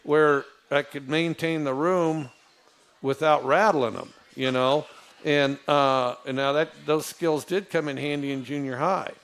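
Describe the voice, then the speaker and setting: In casual storytelling, a football coach wanders from point to point, his deep voice rough and creaky. Fillers and restarted sentences keep interrupting his easygoing, halting delivery.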